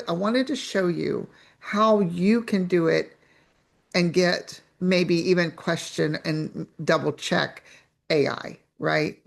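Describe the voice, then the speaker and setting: A woman's voice: on the low side, creaky. A woman coach teaching a live online training, chatty, asking rhetorical questions and restarting her phrases. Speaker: business coach.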